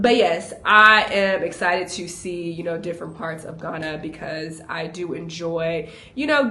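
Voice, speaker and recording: A young woman with a deep voice vlogs a casual travel storytime. She's animated and laughing as she acts out what people said to her.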